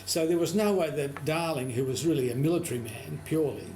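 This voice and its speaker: A man's voice: fairly high pitch, fast, a little mellow. Man explaining history over faint hum. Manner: lecturing, detailed historical explanation. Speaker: guest researcher. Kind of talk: explanatory conversation.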